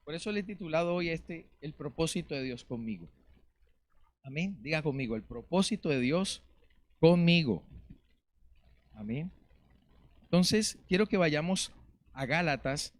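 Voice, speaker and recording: A man preaching a lively sermon as pastor in a church, calling out questions to the congregation. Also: fairly high pitch, moderate pace, long pauses. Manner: calls out to the congregation, rhetorical questions. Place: church in Valencia, Spain. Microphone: live-streamed service mic.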